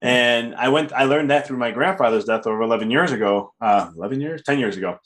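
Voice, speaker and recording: A man hosting a podcast, talking in a calm, upbeat, casual way with loose fillers. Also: mid-range voice, fast. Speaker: podcast host and coach. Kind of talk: casual interview chat.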